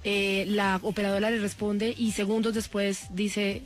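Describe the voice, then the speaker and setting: A woman's voice: medium pitch, flat delivery, a little slow, soft background music. A woman explaining events as a journalist in a live radio news discussion.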